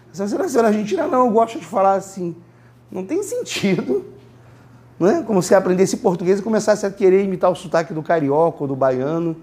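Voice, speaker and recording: High-voiced man teaching a class. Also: darkish tone. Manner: explains slowly, repeats words, asks students to repeat. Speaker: Spanish teacher. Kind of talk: classroom lecture.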